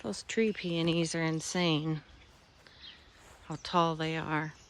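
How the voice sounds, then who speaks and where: A woman's voice: low voice, steady tone, slow, a little hiss or hum. A woman giving a casual, rambling tour of her garden, musing aloud and trailing off mid-sentence. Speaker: garden vlogger. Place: outdoor garden.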